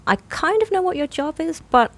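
Soft-spoken woman co-host. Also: very high voice, animated, fairly quick. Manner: soft-spoken, quiet, apologetic. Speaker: podcast co-host. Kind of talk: casual chat.

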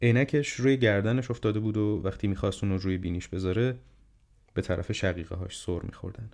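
Man, audiobook narrator, low voice, measured, quiet storytelling. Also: steady tone, creaky.

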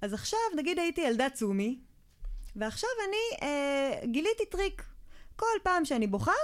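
A woman's voice: high-pitched, sing-song. A woman co-hosting a podcast, chatting casually and explaining ideas through personal stories and step-by-step examples. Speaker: podcast co-host. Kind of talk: casual chat.

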